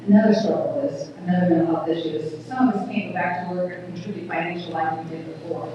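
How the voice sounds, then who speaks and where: Middle-aged woman, small thin voice, earnest halting public speaker, distant mic in a long-reverb hall. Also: on the low side, fairly even intonation, dark tone, slight background noise. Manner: earnest, plain-spoken, halting restarts. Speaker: speaker at a community awareness event. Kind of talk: public talk. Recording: echoey hall recorded from afar, dull.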